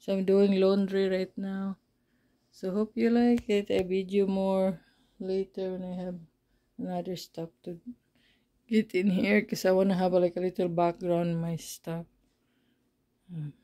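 A woman chatting casually as she shows off her home basement, halting and often searching for words. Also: medium pitch, level tone, warm tone. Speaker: vlogger. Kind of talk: casual home tour chat.

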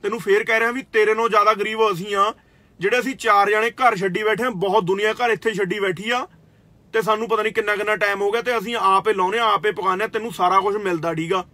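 Brief: young Indian Punjabi man, kabaddi player, confrontational scolding rant, very high, sharp bright voice. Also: steady tone, fast, no room sound. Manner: confrontational, scolding, swears, repeats "theek aa". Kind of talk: angry direct-to-camera rant.

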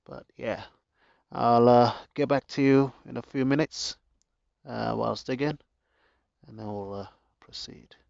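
A man giving a casual how-to narration in his garden, relaxed and chatty with jokey asides, recorded on a handheld phone. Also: medium pitch, a little slow, creaky, no echo, muffled recording. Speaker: gardening vlogger. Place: home garden, outdoors.

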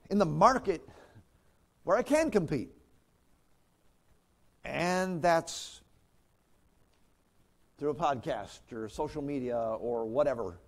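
A man preaching a sermon as pastor, in a conversational way with chuckles and restarts. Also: fairly high pitch.

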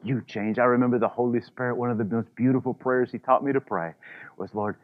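A man's voice: mid-range voice, fairly even intonation, fast, narrow, tinny audio. A man preaching a sermon as pastor, in an easygoing, conversational way, full of "you know" asides.

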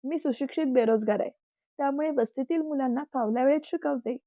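A woman voicing a bright, smiling young woman in a storybook reading. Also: sits high, fast, dry recording, muffled recording, pitched above the performer's own voice, close to an everyday voice. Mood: cheerful. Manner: smiling, lively.

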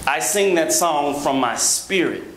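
A man in his thirties preaching a sermon from a church pulpit on a handheld microphone, rhythmic, rising to emphatic high peaks, with joking asides to the congregation. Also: expressive, a little slow, a bit bright. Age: 30s. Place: large church sanctuary, at a pulpit. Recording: echoey church hall with background noise.

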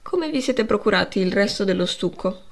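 A woman's voice: medium pitch, animated, fairly quick. A woman reading the part of a severe male schoolteacher questioning his pupils, in a stern tone.

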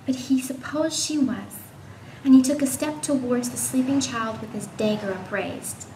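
A woman giving an informal read-aloud of a classic children's novel, voicing the characters gently. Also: fairly high pitch, moderate pace. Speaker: reader. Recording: echoey room with faint noise.

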